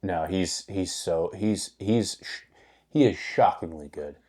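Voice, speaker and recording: Low-voiced, profane podcast co-host man. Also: takes it slowly, darkish tone, breathy edge. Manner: profane, rambling storyteller with many restarts. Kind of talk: casual chat.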